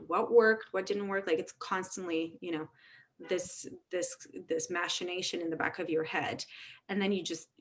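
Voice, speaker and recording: Candid woman in a fast-flowing interview. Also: lowish voice, fairly even intonation, a little hiss or hum. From Romania. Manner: candid, fast-flowing talk with many restarts. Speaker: interview guest, tech CEO. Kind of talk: casual interview conversation.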